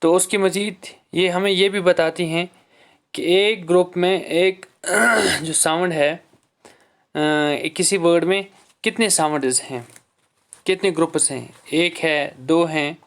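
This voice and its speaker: In a classroom lesson on syllables, a male English teacher reads each English line slowly and then explains it in Hindi. His voice is a little high with a fairly bright tone, and he calls the students dear children and clears his throat often.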